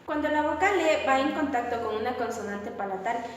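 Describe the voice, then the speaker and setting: A woman's voice: a little high, animated, a little fast, a little hiss or hum. A woman reading a pronunciation lesson aloud, working steadily through rules and examples. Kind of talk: read lesson narration. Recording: echoey hall, voice from a distance.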